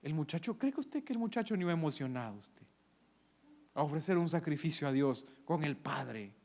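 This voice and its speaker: A pastor preaches a sermon in a fairly high, fairly quick voice, his animated delivery swinging between loud calls and hushed asides. He acts out the voices of people in the story.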